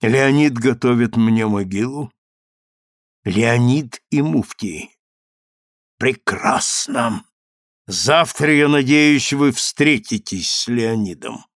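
A man's voice: medium pitch, slow pace, a bit bright, dry recording, clean studio sound. A man playing an imperious, brutal vizier who roars commands and accusations. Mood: cold. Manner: roaring, commanding. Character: imperious, brutal vizier, a middle-aged man quick to rage.

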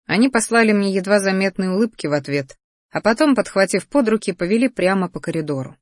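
A woman's voice: mid-range voice, lively intonation, fast, no echo, clean studio sound. Woman narrating a fantasy audiobook.

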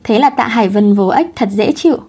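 Audiobook narrator, woman, fairly high voice, steady reading. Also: brisk, slightly rough. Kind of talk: scripted story narration.

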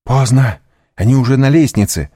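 A man's voice: a bass voice, takes it slowly, creaky, mellow, dry recording, studio quality, full character voice. A man voicing a cornered young male fugitive who pleads desperately for his life in a storybook reading. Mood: pleading. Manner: desperate begging, later cold and scornful.

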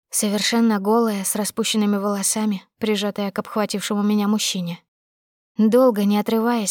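A woman's voice: mid-range voice, darkish tone, no room sound. A woman narrates a dramatic first-person audiobook with tense, emotional delivery. Her voice sits in a middle register. The sound is close and dry, with no room around it.

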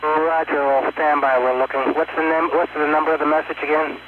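A man's voice: on the high side, little pitch movement, a little fast. A man in a spacecraft crew talking over a crackly radio link from orbit, in clipped radio procedure with frequent uhs. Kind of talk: radio voice loop. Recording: tinny radio link with faint hiss.

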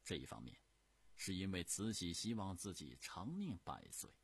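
A man telling a comic historical tale on the radio in an animated, dramatic way. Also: deep voice, normal speed, breathy edge, no echo. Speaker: storyteller. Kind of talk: radio storytelling.

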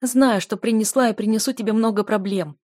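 A woman voices a desperate young female student in love, pleading emotionally with a raised voice. Her fairly high, slightly mellow pitch sits above her own natural voice yet stays close to an everyday sound, with fairly even intonation and a slightly fast pace. The recording is clean studio sound without room echo.

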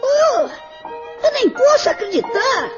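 Storybook parrot: eager, sociable little male bird, very high and lively, dull lo-fi sound. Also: slow, over music, full character voice. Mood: overjoyed. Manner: sing-song, exclamatory storybook delivery. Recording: dull lo-fi audio.

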